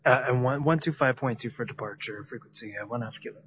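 Fast-talking man, pilot over the radio. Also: medium pitch, fairly bright tone. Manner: quick, clipped radio phrasing with fillers. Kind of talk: radio calls to air traffic control. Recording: dull lo-fi radio audio.

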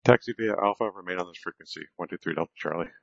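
Deep-voiced pilot on a cockpit headset. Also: male voice, racing. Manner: clipped procedural readbacks. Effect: pilot radio over cockpit headset. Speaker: private pilot. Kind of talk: air traffic radio calls. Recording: dull lo-fi radio transmission.

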